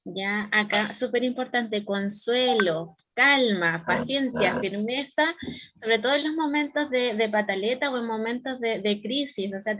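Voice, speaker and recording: A high-pitched woman with a Chilean accent gives a church teaching on raising children. She speaks calmly and explains things step by step, and now and then she acts out a small child's voice to make her point. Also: highs cut off. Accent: Chilean Spanish.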